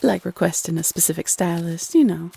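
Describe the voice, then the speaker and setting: A woman's voice: lowish voice, a little fast, vocal fry, dark tone, husky, exaggerated voice. A woman playing a playful, teasing Cupid, a bossy love goddess who chats sassily and uses pet names in an audio roleplay. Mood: friendly, sassy. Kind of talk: scripted audio roleplay addressed to the listener.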